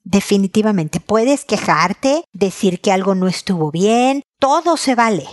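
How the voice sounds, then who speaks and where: A woman hosts an advice program. She speaks straight to a listener by name and sets clear limits with caring firmness. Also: mid-range voice, lively intonation, a little slow. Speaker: advice show host.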